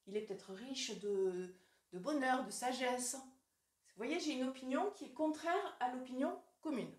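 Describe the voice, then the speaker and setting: A woman teaching a French literature lesson, explaining clearly and talking straight to the viewer with examples. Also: high voice. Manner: clear didactic, addresses the viewer directly with examples. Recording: roomy echo.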